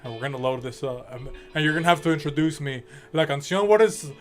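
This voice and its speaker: A woman's voice: deep voice, expressive, fast, soft background music. A woman co-hosting a casual comedy talk show, teasing and laughing often, putting on joke voices. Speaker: podcast co-host.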